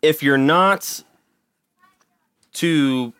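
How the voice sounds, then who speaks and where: A man's voice: on the high side, very slow, a bit bright, smooth, no echo. A young man co-hosting a podcast in casual chat, rambling with many fillers and laughing often. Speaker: podcast co-host.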